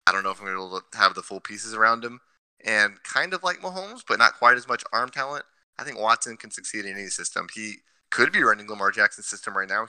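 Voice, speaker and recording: Man, sports podcast co-host, analytical, very bright voice, crisp, dry close mic. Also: on the low side, no echo, poor audio. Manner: analytical, cites stats. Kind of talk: casual sports podcast chat.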